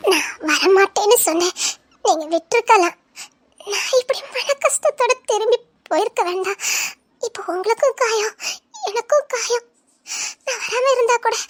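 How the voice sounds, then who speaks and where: A woman playing a tearful, ashamed young wife. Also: very high voice. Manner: tearful, broken, half-laughing through sobs. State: crying. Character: young wife, ashamed and self-denying, leaving.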